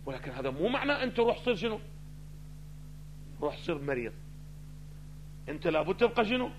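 A man teaching a theology lesson, asking his listeners questions and answering them himself, swinging between loud stressed phrases and quiet asides. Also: high-pitched, big pitch swings, fast, a little hiss or hum. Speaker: religious teacher. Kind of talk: theology lecture mixing classical and colloquial Arabic.

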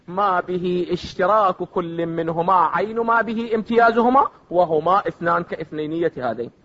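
A man with an Iraqi accent gives a classroom lecture, pitched high for a man. He keeps firing either-or questions at his students to check they follow. The recording is dull and lo-fi. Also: a bit bright. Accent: Iraqi Arabic. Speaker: seminary philosophy teacher.

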